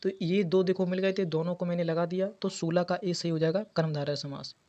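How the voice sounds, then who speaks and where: A man's voice: sits high, fairly even intonation, brisk, mellow. A man teaching an exam preparation lesson, going through quiz answers and patiently repeating key words. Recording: dull lo-fi audio.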